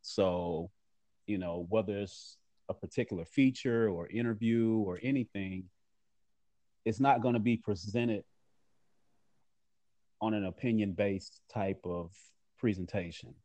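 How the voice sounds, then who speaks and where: A man giving measured, earnest interview answers in fairly formal wording as a magazine editor. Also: on the low side, mellow, no room sound.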